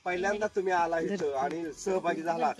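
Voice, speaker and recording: A man performing a lively magic show for a crowd, joking with and coaxing the audience. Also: on the high side, brisk. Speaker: stage magician.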